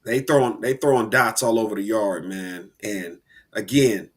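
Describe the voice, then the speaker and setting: A man co-hosting a casual sports podcast, animated and rambling, with slang and frequent restarts. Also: on the low side, normal speed, breathy edge. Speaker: podcast co-host.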